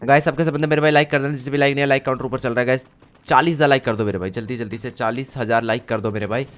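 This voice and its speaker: A man's voice: medium pitch, steady tone, racing. A young man streaming a shooter game live, telling his teammates what to do and thanking viewers for support. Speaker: gaming streamer.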